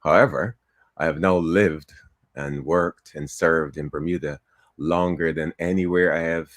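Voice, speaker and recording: Deep-voiced man candidate, dry sound. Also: fairly even intonation, unhurried, dry recording. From Trinidad and Tobago. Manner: chatty, laughs easily, many ums. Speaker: political candidate guest. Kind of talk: talk show interview.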